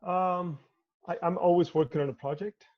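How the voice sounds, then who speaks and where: A man's voice: high-pitched, fairly even intonation, lo-fi sound. A man from Cuba, an artist talking thoughtfully in a video call interview from home, often restarting his sentences. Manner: measured, thoughtful, with frequent restarts.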